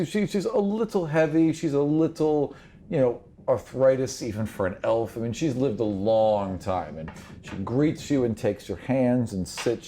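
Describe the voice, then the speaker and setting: A man with a voice on the low side narrates a tabletop fantasy game as game master, improvising animatedly and repeating phrases for emphasis. There's slight background noise.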